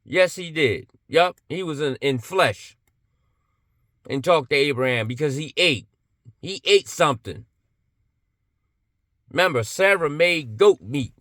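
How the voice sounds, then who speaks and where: A man's voice: fairly high pitch, expressive, a little slow, pauses often, fairly bright tone, no room sound, clean studio sound. A man giving an impassioned religious monologue, emphatic and blunt, firing off rhetorical questions and swearing freely.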